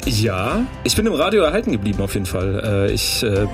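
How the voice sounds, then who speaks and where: Male guest, quick and animated, wry, music under him. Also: on the low side. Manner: rambling, self-deprecating. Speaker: radio host guest. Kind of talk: casual radio interview.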